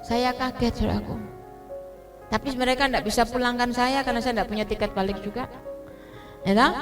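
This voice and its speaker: With a rather high, steady voice and brisk delivery, an Indonesian woman preaches a testimony sermon in church as music plays behind her. She alternates between Indonesian and English, translating herself, and speaks directly to listeners, often asking whether they understand.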